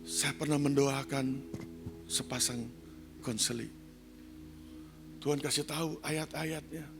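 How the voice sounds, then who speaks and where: An older man, a pastor, preaching a sermon, moving between soft low asides and loud, high-pitched exhortation. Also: fairly even intonation, takes it slowly, vocal fry, over music. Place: church sanctuary.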